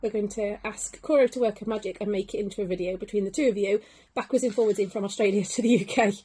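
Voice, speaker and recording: Mum, quick and chatty, warm mellow tone, teasing and encouraging. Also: female voice, mid-range voice, steady tone, husky. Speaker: mother helping her son bake. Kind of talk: casual family chat on camera. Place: bedroom at home turned into a kitchen.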